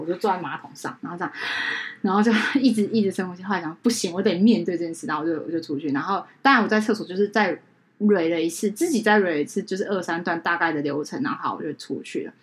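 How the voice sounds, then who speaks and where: A woman's voice: on the low side, very fast. A young woman, a podcast co-host and wedding emcee, telling a story in casual chat and acting out the people she quotes. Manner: animated, acts out quoted people.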